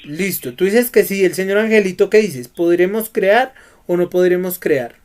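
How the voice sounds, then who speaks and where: A man's voice: sits high, normal speed, darkish tone, a little hiss or hum. Male Bible teacher quizzing his students. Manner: asks students questions and prompts their answers. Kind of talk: Bible study lesson.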